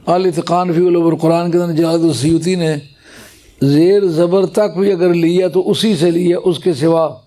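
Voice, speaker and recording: A man giving a scholarly religious talk to a gathering, explaining points patiently and reciting Arabic phrases slowly. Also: on the high side, fairly even intonation, dark tone.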